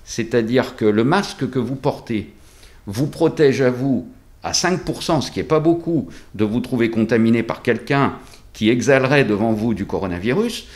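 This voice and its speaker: A man speaking through a face mask as a doctor in an interview, explaining things deliberately with hesitant pauses. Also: mid-range voice. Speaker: doctor at a local practice being interviewed.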